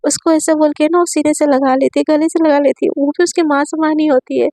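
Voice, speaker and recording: High-pitched woman narrating a love story serial, chatty and animated, dry close mic. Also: brisk, no echo. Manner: animated, chatty, addresses listeners as friends.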